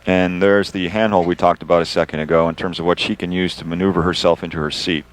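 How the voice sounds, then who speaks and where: A man's voice: low voice, level tone, quick pace, a little hiss or hum. A man, an astronaut, explaining procedures in informal, conversational live commentary as a guest.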